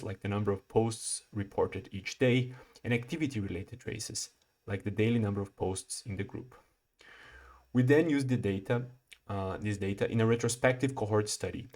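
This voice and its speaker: In a lowish, somewhat mellow voice, this Brazilian doctoral student walks through his prepared research in a measured, explanatory manner. Occasionally he backs up and restarts a phrase.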